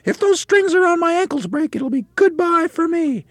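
A storybook old wife, gullible and frantic. The voice is a piercingly high, shrill falsetto that exclaims and pleads in loud, breathless panic. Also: male voice, lively intonation, normal speed, no echo, studio quality. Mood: alarmed. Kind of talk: theatrical children's storybook reading.

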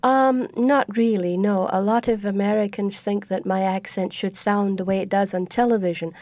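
An older woman with a Scottish accent, a guest on a radio interview, explaining things in a measured, storytelling way. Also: mid-range voice, fairly even intonation, a little mellow, no room sound. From Scotland. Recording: dull lo-fi radio recording.

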